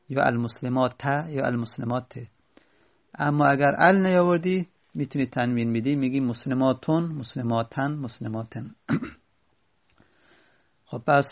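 Gravelly man teaching grammar patiently. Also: on the high side. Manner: patient, repeats key points with stress. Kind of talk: Arabic grammar lesson.

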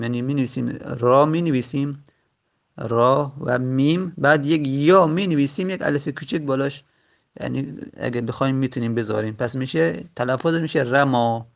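A man teaching Arabic grammar in a classroom lecture, patient and repeating key points slowly. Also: medium pitch, gravelly.

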